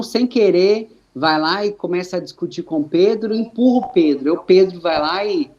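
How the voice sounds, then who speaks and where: A man preaching a sermon, slow and emphatic with many rhetorical questions. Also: high voice, a little mellow, muffled recording.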